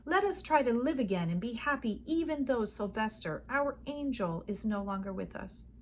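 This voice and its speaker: A woman's voice: fairly high pitch, expressive, moderate pace, a little hiss or hum. Woman as a brave, sorrowful donkey father, storytime voice. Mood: bravely sad.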